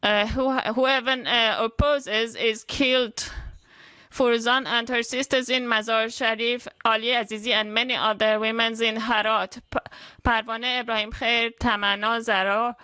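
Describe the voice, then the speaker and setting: Woman, rights activist, formal speech, slow and halting, bright high voice. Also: little pitch movement, clear, resonant tone, dry recording. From Afghanistan. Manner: earnest and solemn, halting with many fillers. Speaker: women's rights activist speaker. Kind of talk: formal prepared speech to a parliament panel. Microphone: remote video call connection.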